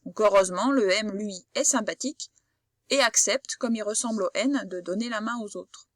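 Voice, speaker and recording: A primary school teacher with a medium-pitched voice sounds out each word carefully while giving a child a phonics lesson. She explains slowly, patiently and with precise articulation, in a dry recording of studio quality.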